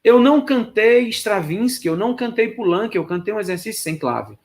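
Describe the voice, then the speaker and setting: A man's voice: high voice, lively intonation, normal speed, creaky. A man giving a lecture on choral rehearsal technique, speaking to students and singing solfège syllables as examples. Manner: sings solfège syllables to demonstrate; addresses students directly, instructive. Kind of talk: lecture with sung solfège demonstrations.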